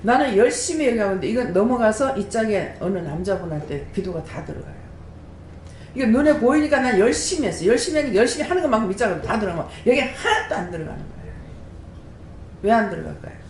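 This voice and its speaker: A woman, a prayer house director, giving an animated testimony sermon and throwing rhetorical questions to the congregation. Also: fast talker. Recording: echoey room with faint rumble.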